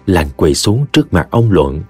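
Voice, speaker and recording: A man's voice: deep voice, very animated, normal speed, a little mellow, breathy edge, no echo, faint music behind. A man narrating a story expressively and dramatically.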